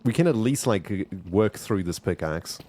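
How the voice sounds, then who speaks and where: A man with a South African accent rambles casually to viewers while streaming a game, speaking directly to chat. His voice is fairly low, darkish, and expressive, with a slightly slow pace.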